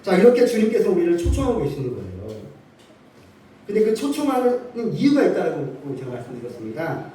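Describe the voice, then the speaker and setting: High, animated pastor preaching in an echoey church. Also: male voice, brisk, distant mic, a little hiss or hum. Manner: animated preaching with rising emphasis and rhetorical questions. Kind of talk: sermon. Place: church sanctuary. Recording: echoey church hall from off-mic.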